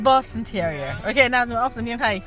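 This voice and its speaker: A woman's voice: fairly high pitch, level tone, quick pace, pushed and bright, soft background music. A woman from Thailand with a Thai accent, chatting casually as a mother and vlogger, laughing often and dropping in English phrases. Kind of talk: casual vlog chat.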